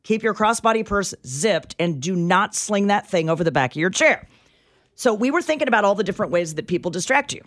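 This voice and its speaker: A middle-aged woman co-hosting a radio show, chatting and telling stories. Her voice swoops all over as she gets excited and jumps up into high squeals. It sounds like casual talk-radio banter. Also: brisk.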